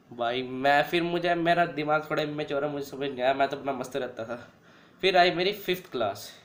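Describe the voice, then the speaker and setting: Chatty young man in an echoey room. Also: a little high. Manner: chatty, addresses listeners as "bhai". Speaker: vlogger. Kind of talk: casual storytelling. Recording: roomy echo.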